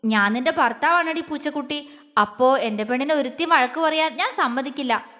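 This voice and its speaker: A doting young husband coaxes and comforts in a soft voice, read by a woman narrator. The voice stays high, with a long reverb from the room. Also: moderate pace. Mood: tender. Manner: soft and coaxing.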